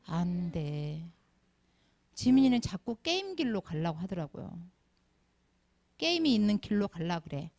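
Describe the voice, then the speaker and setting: Lively woman preaching to children. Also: fairly low pitch, unhurried, long pauses. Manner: asks the children constant questions, animated. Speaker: Sunday school preacher. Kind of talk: children's sermon.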